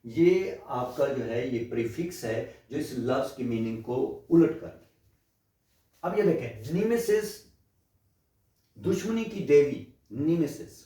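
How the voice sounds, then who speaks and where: A man's voice: medium pitch, animated, slow pace, warm tone. Male lecturer, explanatory, rhetorical questions, mixes in English phrases, distant mic, heavy room echo. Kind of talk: classroom lecture on linguistics. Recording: very echoey room, mic far off.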